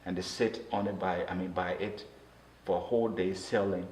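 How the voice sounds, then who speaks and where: A man talks earnestly as an interview guest, stumbling over and repeating words as he goes. His voice sits on the low side. The recording has a roomy echo and a faint hiss underneath. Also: fairly even intonation, a little mellow. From Liberia. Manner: earnest, with many halting restarts.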